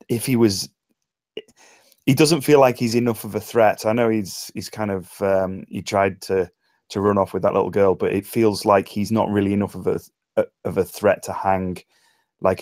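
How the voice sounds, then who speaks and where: Over a remote online voice call, a table read participant from England offers casual critique of a script, hesitant and drily humorous. He has a low, slightly mellow voice. The recording is dry.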